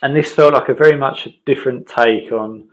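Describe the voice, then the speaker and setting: A man's voice: mid-range voice, a little fast. A man leaving an enthusiastic, rambling voicemail over a landline phone, giving casual game impressions with many restarts. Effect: heard over a landline phone as a voicemail message. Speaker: gamer leaving a voicemail review. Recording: dull lo-fi phone line.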